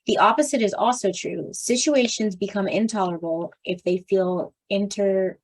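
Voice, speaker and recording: Reading nonfiction aloud for her book club at a normal pace, a woman sounds weary, her medium-pitched voice slightly strained from talking so much. Now and then she clears her throat or goes back over a stumbled phrase, on a low-quality recording.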